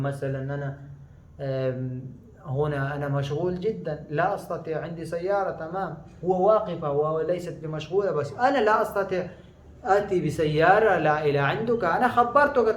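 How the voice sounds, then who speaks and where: A man from Afghanistan whose first language is Pashto, explaining proverbs in a lesson, slow and halting with many pauses and fillers. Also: a little high. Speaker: language teacher. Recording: echoey room.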